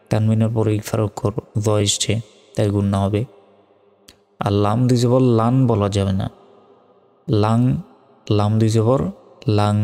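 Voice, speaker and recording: A man teaching Quran reading, spelling out syllables slowly and then reciting them in a melodic chant. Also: on the low side, dark tone. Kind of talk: letter-by-letter recitation lesson. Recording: long reverb hall with faint music.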